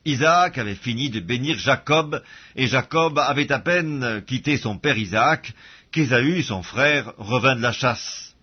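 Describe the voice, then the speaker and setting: A man giving a measured, scripted reading of scripture on a dull recording. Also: mid-range voice, husky. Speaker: Bible reader.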